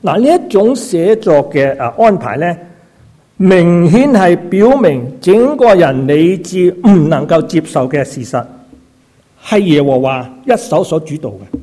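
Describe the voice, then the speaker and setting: A preacher who is also a doctor delivers a sermon, often posing rhetorical questions to the congregation and peppering his speech with short "na" and "ha" interjections. His voice is a little high and dark in tone, with lively intonation and an unhurried pace.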